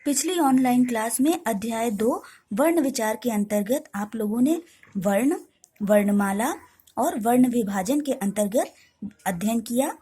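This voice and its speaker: A woman Hindi teacher giving an online grammar class, explaining slowly and clearly with lots of repetition. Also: on the high side, dark tone.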